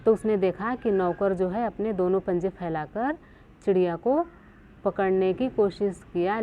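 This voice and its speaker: A woman's voice: medium pitch, a little hiss or hum. Woman teacher explaining a lesson, tinny sound. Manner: reads a line aloud, then retells it in simpler words. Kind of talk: reading and explaining a school Hindi lesson. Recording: tinny phone-like recording.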